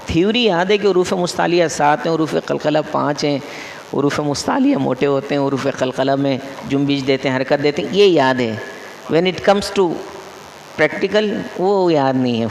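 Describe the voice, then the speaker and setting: A man's voice: fairly high pitch, gravelly, a little hiss or hum. A man, a mufti, teaching the rules of Quran recitation to a class in a mosque, quizzing his listeners and repeating each rule. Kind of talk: classroom lesson. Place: mosque hall. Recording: echoey hall with long reverb.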